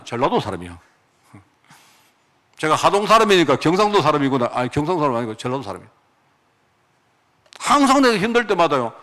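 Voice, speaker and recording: A middle-aged man from Daegu with a Gyeongsang accent, preaching a sermon with emphatic rhetorical questions. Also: a little high. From Daegu, South Korea. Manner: animated, emphatic, asks the congregation rhetorical questions. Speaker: pastor.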